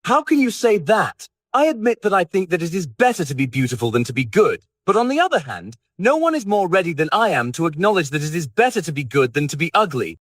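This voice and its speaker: Pitched above his own natural voice, a man performs a languid, witty English aristocrat for an audiobook, sounding amused and teasing with theatrical aphorisms. The voice sits on the high side, very animated, bright, and quick with barely any pauses, in clean studio sound with no echo.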